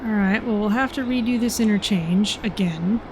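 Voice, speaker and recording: A woman's voice: medium pitch, normal speed, background noise. A woman giving casual gameplay commentary as host of a gaming video.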